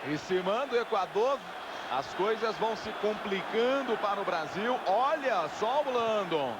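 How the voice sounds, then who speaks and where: A Brazilian man giving explosive football goal commentary with drawn-out shouted calls, as the play-by-play announcer. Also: sits high, lively intonation. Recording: noisy outdoor stadium broadcast. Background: stadium crowd noise.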